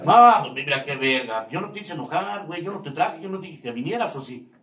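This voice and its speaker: Speaking brisk and a bit bright, this older Mexican-accented man has a slightly high, expressive voice. He gives a support group a swear-filled testimony, crude and mocking, picking fights and chuckling at his own digs. The recording comes from an echoey room with the mic far away and some faint noise.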